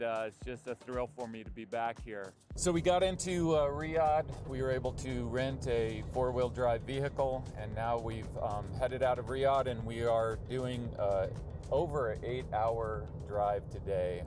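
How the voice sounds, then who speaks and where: A man's voice: medium pitch, measured pace, music in the background. A middle-aged man who grew up in Saudi Arabia, earnestly presenting a travel documentary and explaining things step by step.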